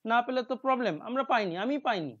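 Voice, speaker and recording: A male teacher with a Bengali accent talks through exam questions in a lecture. He reads English phrases slowly and drops into quiet asides. The recording is dry and a little dull. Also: lively intonation, husky, dry recording. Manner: explains slowly, reads English options aloud slowly, drops to low mutters.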